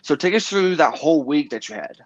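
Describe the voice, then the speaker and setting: A man's voice: a little high, animated, fairly quick. Man hosting over dull lo-fi audio. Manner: rambling, stumbling over words. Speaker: interview host. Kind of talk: casual interview.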